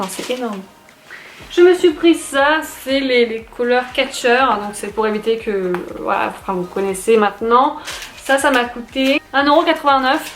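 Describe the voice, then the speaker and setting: A young woman talks through her purchases in a loose, rambling way, full of fillers and restarts. Her voice sits a little high. The room sounds echoey, with a faint hiss behind her. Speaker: beauty and shopping vlogger. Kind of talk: casual haul video chat.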